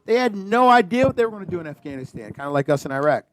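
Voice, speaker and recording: A man talking on a casual panel show, emphatic and quick to restart his phrases. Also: high-pitched, very animated, dry recording.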